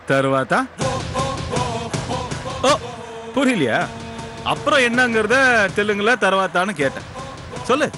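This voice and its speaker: Brief: a smug, mocking husband, lively swinging delivery, slightly high voice, strong music bed. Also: male voice, normal speed, long pauses. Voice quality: sarcastic, mocking, laughing. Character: cocky husband mocking a threatening woman. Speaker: character in a TV serial. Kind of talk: TV serial acting. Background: dramatic background score.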